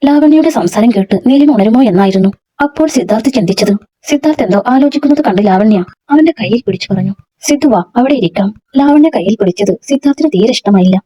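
A woman narrating a serialized story in a brisk, steady storytelling manner. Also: fairly high pitch, slightly rough. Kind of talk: scripted narration.

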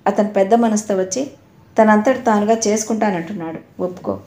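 A woman's voice: medium pitch, fairly quick, dark tone, natural voice. A woman voicing a middle-aged mother who talks in a coaxing, pressing way. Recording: roomy echo.

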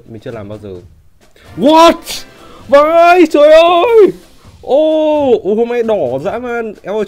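Excitable gaming host over soft music. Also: male voice, mid-range voice. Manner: excitable, bursts into shouting surprise. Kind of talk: casual game commentary.

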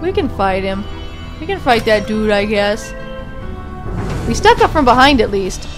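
This young woman provides casual let's-play commentary with game music in the background, chatting away, addressing the characters, and exclaiming mildly. Allergies leave her voice a little off; it sits in the mid-range, with a sing-song lilt and a slightly slow delivery.

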